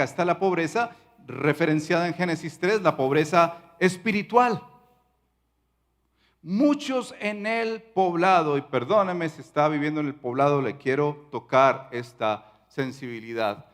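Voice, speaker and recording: A man preaching a sermon in as pastor, rising to emphatic lines and dropping to soft, quiet asides, slowing down hard on key phrases. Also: fairly high pitch. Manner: swings between raised emphatic lines and soft, near-whispered asides.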